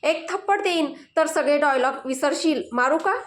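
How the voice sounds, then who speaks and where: A stern but loving middle-aged mother-in-law from a storybook, read out by a woman. She scolds sharply and then softens in a high voice. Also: moderate pace, lightly acted. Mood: scolding. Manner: scolding, affectionate.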